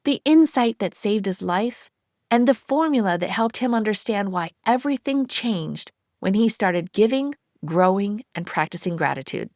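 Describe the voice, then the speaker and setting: A woman's voice: medium pitch, lively intonation, moderate pace, a little mellow, no room sound, clean studio sound. A woman hosting a podcast, reading a polished guest introduction and then chatting with enthusiasm. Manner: enthusiastic, effusive. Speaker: podcast host. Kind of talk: scripted intro then casual interview.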